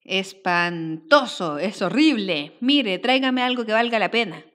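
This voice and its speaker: A woman's voice: mid-range voice, lively intonation, unhurried, fairly bright tone. A woman reading the lines of an indignant, rude male restaurant customer from a play script, complaining and haughty.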